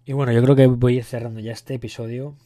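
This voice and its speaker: It's a casual solo podcast rant from a young male host with a Spain Spanish accent, full of crude jokes and profanity, and he rambles until he loses the thread. He talks fast in a warm, medium-pitched voice with little pitch movement.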